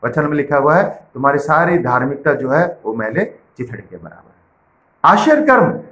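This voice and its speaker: Male pastor from India, high bright voice, earnest preaching in a roomy echo. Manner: earnest preaching, reads out scripture verses. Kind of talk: sermon.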